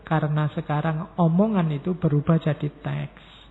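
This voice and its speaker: A man's voice: a little high, steady tone, normal speed, vocal fry. A man with a Javanese accent giving a philosophy lecture, talking directly to his listeners and acting out quoted messages in different tones. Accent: Javanese-inflected Indonesian. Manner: talks straight to the audience, acts out quoted messages in different tones. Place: large mosque hall. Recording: tinny lo-fi sound in a reverberant hall.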